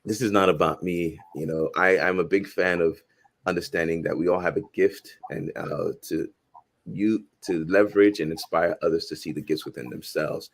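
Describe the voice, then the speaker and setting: A Haitian-born filmmaker and professor in his forties speaks in a very low voice as a guest in a casual interview. Earnest and reflective, he frequently restarts phrases before finishing them.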